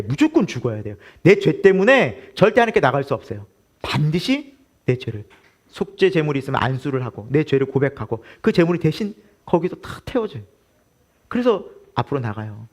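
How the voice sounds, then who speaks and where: A man in his forties preaching a sermon as pastor, telling a family story with laughter and asking the congregation questions. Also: fairly high pitch.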